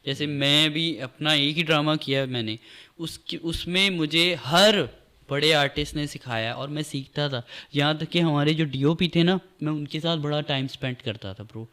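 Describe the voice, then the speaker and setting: A man's voice: fairly high pitch, pushed and bright. A young man speaking as a guest in a casual chat, earnest and emphatic about working hard and respecting seniors. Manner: earnest and emphatic, calls the host "bro". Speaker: guest, social media creator and actor.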